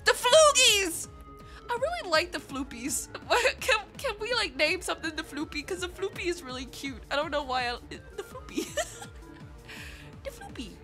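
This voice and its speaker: Music runs behind this woman's very high, very animated voice at a normal speed. Congested and nasal from illness, she livestreams and chats casually with viewers, playful, giggly, and affectionate.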